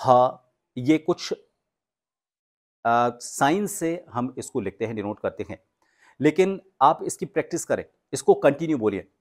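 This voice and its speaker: Patient man coaching clear pronunciation. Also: mid-range voice. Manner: slow, emphatic reading of drill sentences; patient, explanatory. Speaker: speech coach. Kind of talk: pronunciation lesson.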